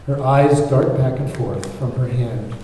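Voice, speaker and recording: In a very echoey hall, picked up by a faraway mic with faint background noise, a man reads a screenplay's scene descriptions and stage directions as narrator. His mid-range voice is dark and measured in pace.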